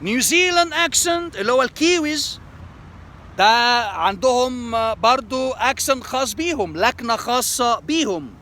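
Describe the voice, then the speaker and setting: A man's voice: very high-pitched, animated, moderate pace, sharp tone, a little hiss or hum. An Egyptian man with an Egyptian Arabic accent teaching language skills, explaining terms and repeating them in Arabic and English. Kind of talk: lesson promo, switching between Arabic and English.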